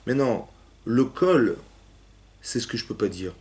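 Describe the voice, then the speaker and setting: A man teaching a lively class to young women, asking questions and acting out cries and quotes. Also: mid-range voice, a little slow. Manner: animated, asks questions, acts out cries and quotes. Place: synagogue hall with young women students.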